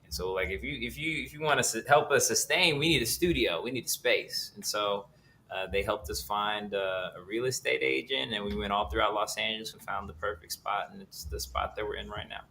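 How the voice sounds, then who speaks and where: Earnest thirtysomething male actor guest, low but bright voice, halting and reflective. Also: vocal fry, slight background noise, poor audio. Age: 30s. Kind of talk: interview answers over video call. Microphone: remote call connection.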